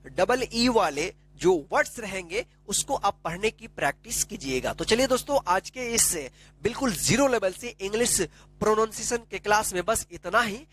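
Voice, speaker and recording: A man's voice: high voice, animated, moderate pace, fairly bright tone. A man teaching a phonics lesson, spelling words out letter by letter and asking and answering his own questions. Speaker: English teacher.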